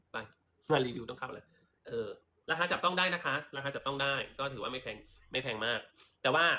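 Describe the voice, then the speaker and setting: A man's voice: mid-range voice, pushed and bright. A man chatting sassily on a livestream while selling lipstick, with theatrical asides. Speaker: livestream seller. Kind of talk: casual livestream sales chat.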